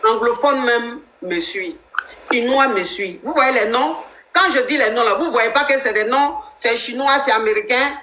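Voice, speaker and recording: A woman hosting a live relationship coaching stream, chatting casually, animated and thanking viewers by name. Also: fairly high pitch, normal speed, noisy background. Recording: echoey room sound.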